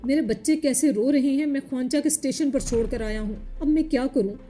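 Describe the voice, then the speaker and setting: A woman's voice: high-pitched, fairly quick, dark tone, soft background music, natural voice. A woman voicing a frightened, tearful poor man, a street vendor who pleads and wails, in a story reading. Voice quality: wailing, pleading.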